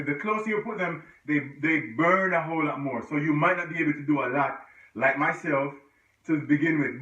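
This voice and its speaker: A man coaching a home workout with a bright, forceful voice and an encouraging, chatty way of explaining each move. He sounds out of breath at times and grunts between moves. He is heard from some distance in an echoey room, through a dull, lo-fi recording. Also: fairly high pitch. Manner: encouraging, chatty, breaks off mid-exercise with grunts. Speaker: fitness instructor.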